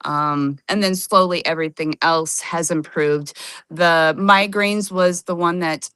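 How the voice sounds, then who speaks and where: A woman in her fifties speaks over a video call, earnest and a little halting, filling pauses with ums. Her voice sits low and smooth. The sound is dry and close. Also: steady tone, bright, forceful tone, no echo. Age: 50s. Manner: earnest, halting, many fillers. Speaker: testimonial guest. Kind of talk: casual personal testimony on a livestream.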